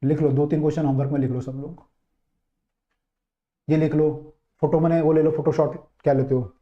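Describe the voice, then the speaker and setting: A man's voice: a little high, flat delivery, fairly quick. A man teaching a physics class online, chatty and coaxing, repeating his key points and checking that students follow. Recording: dull, roomy online-class audio.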